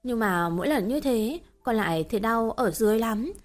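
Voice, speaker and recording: A woman's voice: on the high side, animated, moderate pace, lightly acted. Woman doing a naive childlike teen girl. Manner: innocent, pleading questions. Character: naive childlike sixteen-year-old girl.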